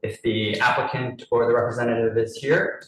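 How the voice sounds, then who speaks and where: Reading license terms aloud and conducting a vote, the chair of a public committee meeting sounds brisk and businesslike, restarting slightly now and then as he reads lists. He's heard through a group video call, his middle-pitched, fairly even voice coming from far off in a very echoey room over faint noise.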